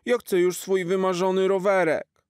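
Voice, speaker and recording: A man voicing an eager, hopeful little boy in a children's storybook, with a high childlike pleading voice. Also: level tone, moderate pace, clean tone, no echo, studio quality, lightly acted. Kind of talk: storybook character voice.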